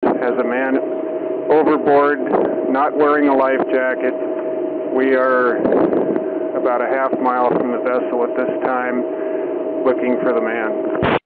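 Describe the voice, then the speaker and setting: A man speaks over a marine VHF radio from a pilot boat, steady and measured, repeating each question patiently. His voice comes through thin and tinny, like a handheld set. Loud static hiss runs underneath him. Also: mid-range voice.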